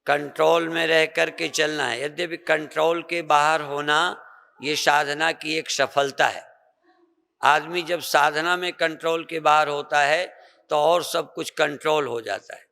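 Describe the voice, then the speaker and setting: An older Indian man, a spiritual teacher, slowly guiding a group through meditation and breathing with soft repeated coaching. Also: fairly high pitch, creaky. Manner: slow, repetitive soft coaching with pauses. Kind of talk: guided meditation and breathing instruction. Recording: long reverb of a hall.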